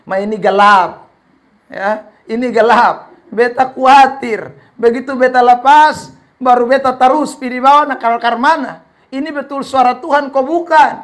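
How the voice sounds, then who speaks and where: Preacher guy doing a scared stubborn old elder, bright high voice. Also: moderate pace. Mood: anxious. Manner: protesting, pleading in local dialect. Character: frightened old village church elder, stubborn.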